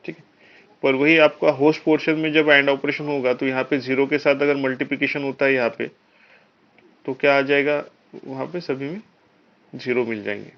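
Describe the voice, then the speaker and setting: Speaking at a moderate pace with a medium-pitched, steady voice, this Indian-accented man teaches networking in a live class. He explains things step by step, keeps asking if listeners are following, and uses English technical terms. The audio has the muffled, lo-fi quality of an online lesson.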